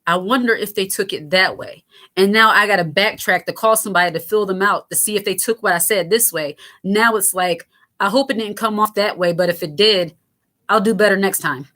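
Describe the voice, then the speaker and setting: A brisk, sharp-toned female host in her thirties answers viewer comments in a casual commentary, her voice low and raspy. She's frank and lighthearted, frequently filling gaps and restarting her thoughts.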